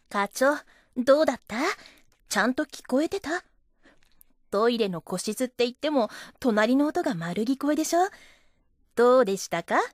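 A coy, teasing young office wife, acted by a woman in an adult audio drama. Her voice sits high and swoops up and down constantly. The sound is dry and close. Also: expressive, takes it slowly, pauses often, no room sound, full character voice. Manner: teasing and coy, giggling often. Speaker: voice actress.

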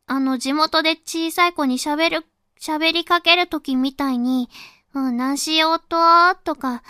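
Slow, soft-spoken Fukuoka woman. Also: high-pitched, no echo, studio quality. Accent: Hakata dialect. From Fukuoka, Japan. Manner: soft, unhurried, full of little "un" fillers. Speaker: voice performer. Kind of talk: casual afterword talk to listeners.

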